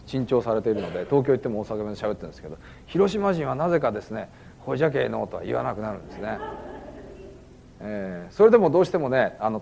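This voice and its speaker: Animated man preaching a sermon. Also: medium pitch, creaky, slight background noise. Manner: conversational preaching with frequent "ano" fillers. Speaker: pastor.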